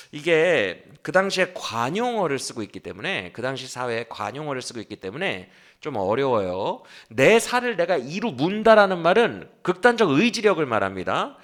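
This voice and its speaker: A man's voice: on the high side, a bit bright. A man preaching an expository sermon in a church, who acts out scripture quotes dramatically and keeps checking in with his congregation. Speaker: pastor. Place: church sanctuary.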